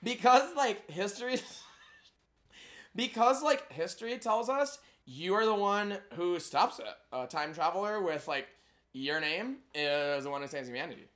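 A bubbly, giggly time traveler, voiced by a man in an exaggerated Valley Girl accent for a comedy table read. The voice sits a bit high, and "like" is sprinkled through everything in a breathless rush. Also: expressive, unhurried, fairly bright tone. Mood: earnest.

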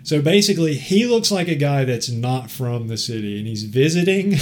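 A man's voice: mid-range voice, expressive, normal speed. A man hosting a podcast, telling a long story in a rambling, casual way, laughing often and swearing freely. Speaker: podcast host.

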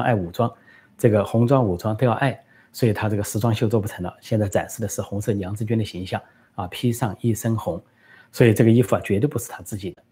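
A man's voice: on the low side, mellow, husky. A man giving political commentary and answering live questions, talking conversationally with many fillers.

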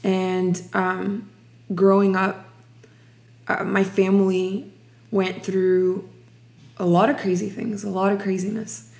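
Slow, reflective young woman from Ukraine. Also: medium pitch, little pitch movement, creaky, darkish tone. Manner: slow, reflective, many restarts. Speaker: guest sharing testimony. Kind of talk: personal testimony interview.

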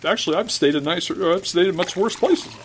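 A man's voice: sits high, fast, a little hiss or hum. A man improvising as a polite, bemused customer in a comedy role-play, speaking hesitantly.

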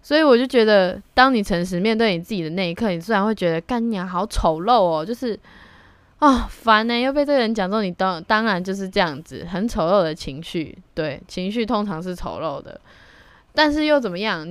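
A young woman with a lowish voice hosts her own casual solo podcast, talking fast and animatedly in a smooth, echo-free recording. Her monologue is candid and reflective, with blunt slang slipped in.

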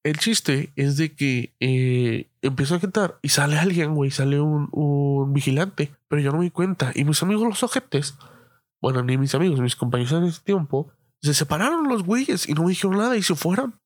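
A man's voice: fairly high pitch, moderate pace, no echo, studio quality. A young man casually telling a personal anecdote, rambling, slangy and full of fillers and swearing.

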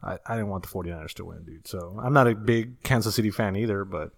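A man with a rough, gravelly voice pitched a little low. He talks in a loose, laid-back way, dropping casual swears. The sound is dry and close. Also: fast, dry recording. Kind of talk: casual chat.

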